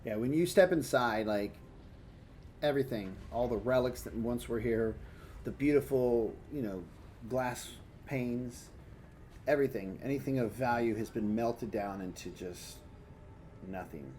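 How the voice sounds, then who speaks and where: Game master, man, mid pitch, descriptive scene-setting, faint hiss behind. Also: unhurried, darkish tone. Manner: descriptive, walks players through scenes. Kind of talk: narrating a tabletop game.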